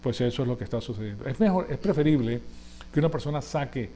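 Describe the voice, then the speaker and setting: A man's voice: mid-range voice, animated, fast, warm tone. A man preaching a sermon in a conversational way, reading scripture aloud and often asking his listeners rhetorical questions.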